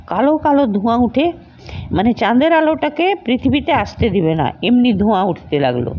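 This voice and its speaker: A woman casually retelling the plot of a TV serial, loose and hesitant, with many filler sounds. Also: a little high. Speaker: storyteller recapping a TV serial. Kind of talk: casual spoken story recap. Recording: dull lo-fi recording.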